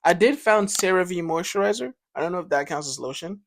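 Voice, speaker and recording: A man's voice: sits high, lively intonation, a little fast, a little hiss or hum. A young man co-hosting a casual podcast chat, joking and laughing often. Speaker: podcast co-host.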